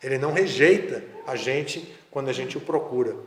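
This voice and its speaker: Lecturing man in an echoey hall. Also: medium pitch. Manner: measured, conversational lecturing with asides. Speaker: spiritual teacher. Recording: echoey hall, roomy reverb.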